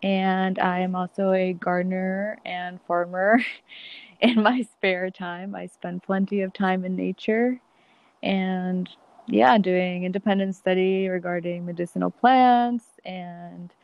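A woman's voice: on the low side, fairly even intonation, slow pace, smooth, dry recording, lo-fi sound. A young woman from Colombia, a podcast guest chatting casually and laughing easily with many fillers. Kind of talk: casual interview.

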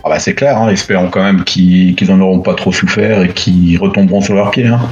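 A very deep-voiced man co-hosts the podcast, chiming in with laid-back, easygoing remarks. The recording is dull and lo-fi, and music sits clearly underneath him. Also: fairly even intonation, a little fast, darkish tone. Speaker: podcast co-host. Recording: muffled lo-fi with music.

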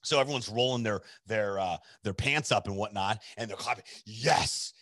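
A man's voice: lowish voice, brisk, a bit bright, no echo. A man casually telling a personal story in a loose, chatty way, full of fillers and restarts.

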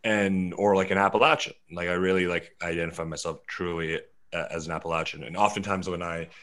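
Speaking fairly quickly in a low, smooth voice with a fairly bright tone and fairly even intonation, a young West Virginia man, guest filmmaker and actor, rambles casually through an interview. He self-corrects often, with many fillers and restarts.

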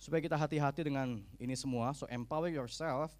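A man preaching a sermon, humorous and animated, acting out what people say. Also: mid-range voice, brisk. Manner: humorous, animated, acts out quoted speech. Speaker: pastor.

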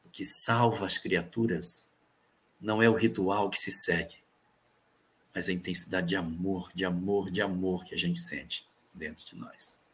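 A man answering viewer questions in a calm, measured explanatory talk, repeating key phrases for emphasis. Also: low-pitched. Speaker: spiritist guest answering questions.

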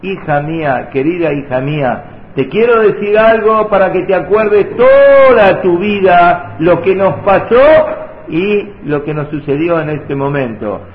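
A man's voice: sits high, animated, measured pace. A man voicing a desperate father pleading tearfully with his child, in a sing-song cadence. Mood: tender. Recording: echoey, tinny phone-like audio.

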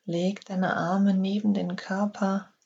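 Breathy woman talking you thru yoga nidra, super slow, gravelly edge, kinda dull audio. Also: mid-range voice, little pitch movement. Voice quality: breathy, husky. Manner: slow, soft, half-whispered instructions. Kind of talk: guided relaxation meditation.

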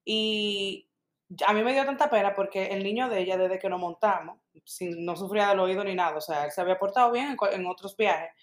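A woman's voice: medium pitch, fairly quick. A middle-aged woman, co-hosting a casual chat and telling stories with emphatic repetition. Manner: animated storytelling, emphatic repetitions. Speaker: podcast co-host, mother. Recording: echoey room.

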